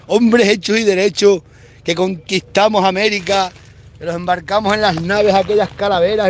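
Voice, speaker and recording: A man's voice: sits high, slight background noise. A man, a cattle farmer rambling on a live stream as he herds his cows, blunt and full of curses. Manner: blunt, swearing, mocking, rough rural talk. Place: outdoors on a farm with cattle.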